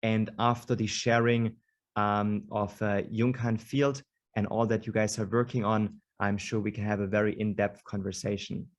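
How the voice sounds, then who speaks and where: A man's voice: lowish voice, flat delivery, moderate pace, lo-fi sound. A man hosting an online panel over a video call, introducing speakers with many hesitations and fillers. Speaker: host.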